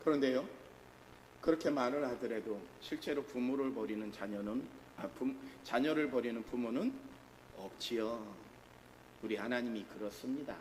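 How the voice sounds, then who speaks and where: A man's voice: medium pitch, normal speed, a little hiss or hum. A middle-aged man preaching a sermon as pastor in a church, often asking the congregation questions. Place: church sanctuary. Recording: reverberant church hall, faint ambience.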